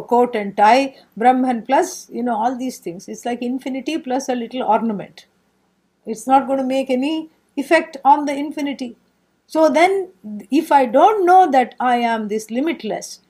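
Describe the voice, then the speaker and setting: A spiritual teacher with an Indian accent and a somewhat high, slightly rough voice delivers a relaxed scripture lecture. She narrates with animation, poking fun playfully and asking one rhetorical question after another.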